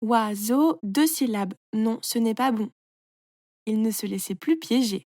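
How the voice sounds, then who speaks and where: A woman voicing a proud, boastful young male hare in a children's story, speaking brashly and loudly. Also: on the high side, animated, a little slow, dry recording, studio quality. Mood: eager.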